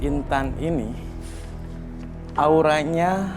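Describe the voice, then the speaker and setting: A man giving a mystical reading as a TV psychic, in terse, portentous phrases with pauses. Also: a little high. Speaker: psychic palm reader on a TV show. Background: loud dramatic music.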